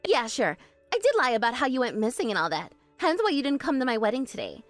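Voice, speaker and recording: A woman voicing a spoiled, bossy young bride in an animated story, talking in a shrill, demanding way. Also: quick pace, faint music behind. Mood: flustered.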